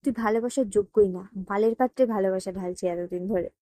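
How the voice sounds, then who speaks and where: A woman reading the lines of a hot-tempered young man in an audio story, shouting and speaking through clenched teeth. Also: mid-range voice, a little fast, no room sound, pitched below the performer's own voice, lightly acted. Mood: angry.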